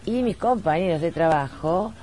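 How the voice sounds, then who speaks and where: A man with a Rioplatense Argentine accent, chatting anecdotally on the radio in a halting way. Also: fairly high pitch, expressive, a little mellow, a little hiss or hum. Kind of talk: casual anecdotal radio chat. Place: radio studio.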